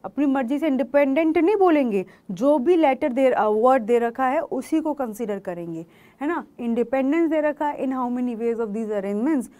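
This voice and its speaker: A woman's voice: sits high, expressive, moderate pace, dark tone. A woman teaching a maths lesson online. She works through each step and keeps checking that students follow. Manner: explains step by step, mixes English terms, checks if students follow.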